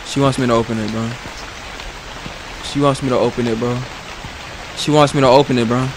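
A man's voice: mid-range voice, fairly even intonation, a little fast, background noise. A young man playing a horror game as a streamer, jumpy and scared, muttering one moment and shrieking the next, and saying "bro" constantly. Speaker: gaming streamer.

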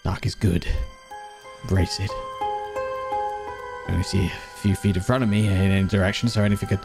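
A man giving playful game commentary, talking to himself and breaking into silly high yelps. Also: fairly even intonation, moderate pace, vocal fry. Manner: joking, talks to himself, sudden high yelps. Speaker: gaming streamer. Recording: game music behind the voice.

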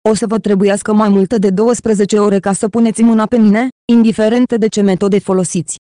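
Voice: mid-range voice, steady tone, warm tone, dry recording, clean studio sound, close to an everyday voice. A reader voicing a defiant besieged male villain in an audiobook, speaking with scorn.

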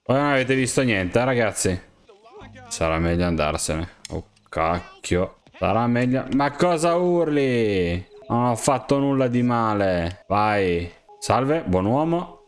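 A young man playing a game, joking and excitedly talking to the characters around him. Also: lowish voice, a little slow, clear, resonant tone. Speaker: gamer. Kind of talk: game commentary, role-playing as himself.

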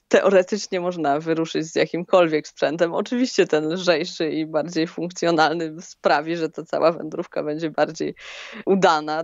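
A woman with a gravelly, creaky voice speaks calmly and thoughtfully as an interview guest. Her answers are unhurried and explanatory. The sound is dry and somewhat dull, like a lo-fi recording. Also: sits low, no echo. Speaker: long-distance hiker, guest.

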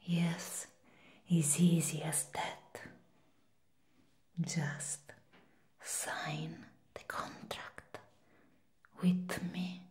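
This is a whispered role-play in which a woman becomes a seductive she-devil tempting a human with coaxing and teasing. The whisper is very slow, soft, dark, low-pitched and breathy, held at a level tone, with a hypnotic, coaxing mood.

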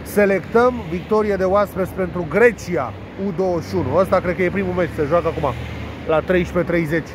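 A sports betting tipster with a high voice, nasal and congested from a cold, rambles casually through his picks, peppering them with crude jokes, swearing and playful invented words. He's outdoors, with faint city traffic in the background.

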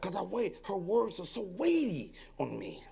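Male pastor, high voice with wide swings, playful storytelling sermon, acts out hecklers, goes soft and low to exhort. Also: moderate pace, gravelly. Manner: animated and joking, acts out voices of onlookers; drops to a low, quiet tone when reading and exhorting.

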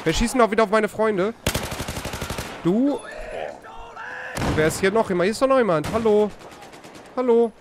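A man streaming a shooter game live, chatting loudly with teammates and complaining about opponents through a headset. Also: sits high, moderate pace, pauses often. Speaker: livestream gamer. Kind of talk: excited live gameplay chat. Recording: noisy stream with game gunfire behind.

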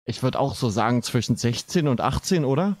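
A man's voice: mid-range voice, lively intonation, brisk. A man giving casual reaction commentary on a video, laid-back and joking. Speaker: streamer reacting to a clip.

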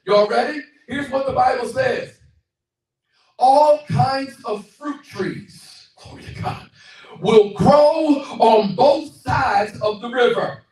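A middle-aged male guest pastor preaching a sermon with a handheld mic in a small church hall, calling for responses and shouting exclamations. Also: extremely high pitch. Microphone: handheld mic, far camera. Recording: echoey hall from far off, faint music.

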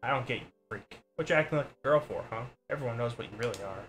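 A man's voice: medium pitch, fast, fairly bright tone, faint music behind, lightly acted. A man reading aloud and voicing a cruel village boy bully who taunts and sneers. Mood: taunting.

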